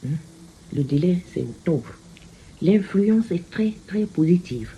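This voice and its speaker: A woman giving a casual card reading, slow and repetitive, often tagging her phrases with a questioning "hein?". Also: lowish voice, lively intonation, mellow, slight background noise. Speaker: card reader.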